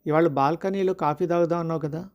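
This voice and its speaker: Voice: medium pitch, fairly even intonation, quick pace, muffled recording, close to an everyday voice. A storyteller voicing a middle-class working wife and mother who is irritable and sarcastic, read in a storybook style. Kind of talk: storytelling dialogue.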